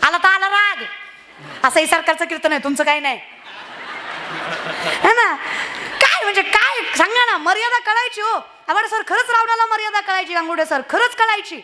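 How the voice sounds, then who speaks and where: A woman preacher giving a devotional sermon with humor, animated and teasing as she scolds her audience. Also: very high-pitched, normal speed, a little hiss or hum. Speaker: kirtan preacher.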